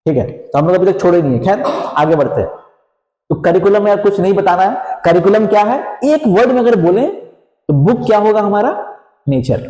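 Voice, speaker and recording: A man's voice: sits high, expressive, a little fast, warm tone. Man lecturing in an echoey classroom. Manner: explains in Hinglish with frequent "theek hai" check-ins and rhetorical questions. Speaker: teacher. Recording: echoey classroom, long reverb.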